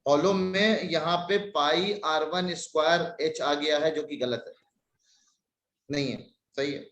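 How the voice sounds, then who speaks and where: Animated male teacher in echoey room. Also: on the high side, takes it slowly, lo-fi sound. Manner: lively, scolding in jest. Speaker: maths teacher. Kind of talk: live online class.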